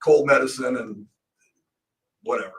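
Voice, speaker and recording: A middle-aged American man co-hosts a radio talk show, explaining things casually with hypothetical examples and questions he answers himself. His medium-pitched, fairly bright voice moves at a normal speed and sounds recorded from a distance.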